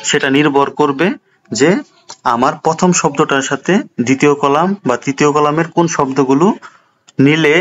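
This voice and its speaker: A man's voice: on the high side, steady tone, moderate pace, dull audio. A man with a Bangladeshi accent, teaching children from a textbook in a patient, explaining way, often repeating and rephrasing. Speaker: online teacher.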